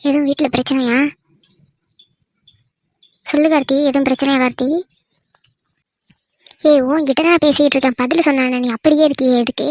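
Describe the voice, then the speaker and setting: A woman's voice: high voice, fairly even intonation, a little fast, long pauses, no room sound, close to an everyday voice. A woman doing an earnest young village lover. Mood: pleading. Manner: pleading, insistent questioning. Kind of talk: cartoon voice acting.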